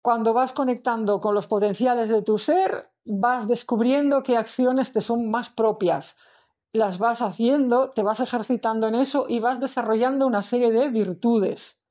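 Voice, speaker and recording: A woman's voice: on the high side, mellow. A woman, giving a spiritual lesson in a reflective way and thinking aloud with fillers and restarts. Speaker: spiritual teacher. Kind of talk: recorded lecture on the soul.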